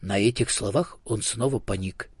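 A man reading a children's story aloud as narrator, in an even, measured way. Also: on the low side, husky, no echo, clean studio sound. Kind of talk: audiobook narration.

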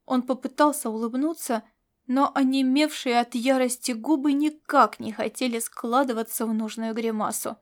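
Woman, audiobook narrator, scripted narration, high voice, expressive. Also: moderate pace.

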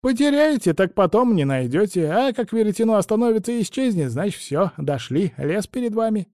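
A man's voice: high voice, sing-song, a little fast, darkish tone, dry recording, studio quality, voice pushed up. A man doing a cranky old witch. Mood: cagey. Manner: cranky, evasive, sing-song. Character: grumbling cunning old witch woman.

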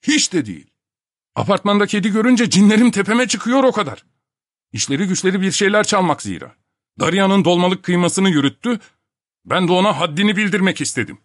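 A man's voice: medium pitch, very animated, a bit bright, dry recording, clean studio sound, voice pushed up. A man voicing a coarse, insolent young man who was once a dog, speaking whiny and argumentative. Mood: defiant. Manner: whiny, insolent, quick to argue.

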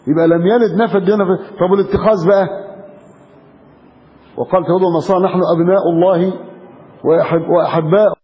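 A man with an Egyptian accent preaching a religious lecture, putting emphatic questions to his listeners. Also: high-pitched. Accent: Egyptian Arabic. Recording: dull echoey hall recording.

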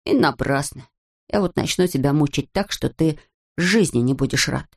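A woman voicing a small female inner conscience in an audiobook, slow, low and scolding. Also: animated. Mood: stern. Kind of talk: audiobook character voice.

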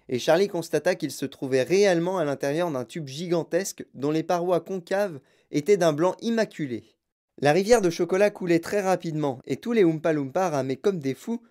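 A man reading a children's storybook aloud in a calm, even narration. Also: a little high.

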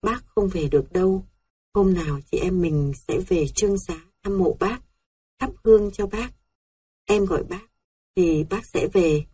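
Woman doing a steady older sister, low mellow voice, soft and husky. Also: measured pace, no echo. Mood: firm. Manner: soothing, admonishing. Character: calm, firm older sister.

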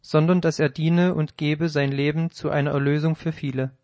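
A man reading the words of Jesus in a scripted audio Bible, with measured, solemn archaic phrasing. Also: a little high, little pitch movement, a little mellow, no echo, natural voice. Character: Jesus, calm grown male teacher.

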